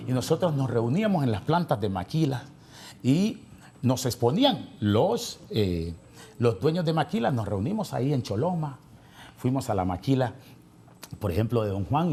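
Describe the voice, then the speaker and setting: A man argues insistently on a talk panel. His voice is husky and swings widely in pitch, and he repeats phrases as he pushes his question. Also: warm tone. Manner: insistent, argumentative, repeats himself. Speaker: panel guest. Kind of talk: heated panel debate.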